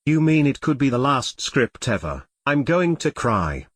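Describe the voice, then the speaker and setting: In an audio comedy drama, a male TTS voice portrays a computer turned elephant, melodramatic and quick to get flustered. The mid-range voice sounds husky and a little slow, swinging widely in pitch as it grumbles theatrically in exaggerated dismay. No room sound is audible.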